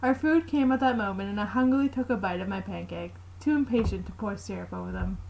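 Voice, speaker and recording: A woman narrating a fanfiction aloud in the first person, with a steady, plain reading. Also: mid-range voice, quick pace, vocal fry, a little hiss or hum, poor audio.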